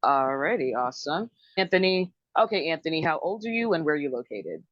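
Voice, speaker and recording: A woman hosting a dating show call, moving briskly through her guests with upbeat replies. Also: low voice, very animated, dry recording, highs cut off.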